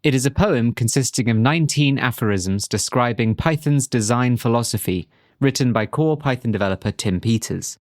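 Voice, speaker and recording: A man narrating a scripted programming course as instructor, in a clear, measured way with light humor. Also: mid-range voice, dry recording, studio quality.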